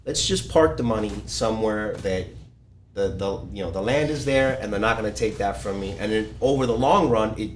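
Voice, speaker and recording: Low-ish guy from ecuador explaining stuff casually, lots of uhs, bit of hiss in the background. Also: fairly quick, roomy sound. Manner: explanatory, hesitant with many fillers. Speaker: guest. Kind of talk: casual podcast conversation. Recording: faint background noise.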